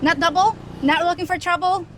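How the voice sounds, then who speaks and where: A woman's voice: very high-pitched, a little fast, fairly bright tone, slight background noise. A woman hosting a casual interview with a group of young men, asking playful, teasing questions. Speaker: host.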